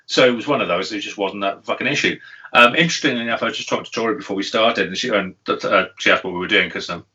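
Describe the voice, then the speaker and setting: A man's voice: lowish voice, fast, sharp tone. A man in his thirties co-hosting a podcast in casual chat, chatty and wry with loose swearing. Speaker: podcast co-host. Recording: lo-fi, a bit far from the mic.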